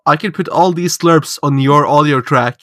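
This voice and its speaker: A man's voice: on the high side, normal speed, fairly bright tone, no echo, studio quality. A man with a Norwegian accent, co-hosting and editing a casual podcast, teasing and self-deprecating. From Norway. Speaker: podcast co-host and editor. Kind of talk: casual chat.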